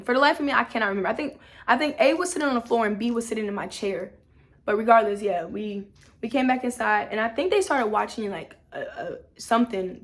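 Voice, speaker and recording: Woman just chatting through a story, slangy, sweary, kinda rambly, keeps circling back, mid pitch. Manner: rambling, circles back and repeats words for emphasis; informal slangy speech with swearing. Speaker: storytelling vlogger. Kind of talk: casual personal storytelling.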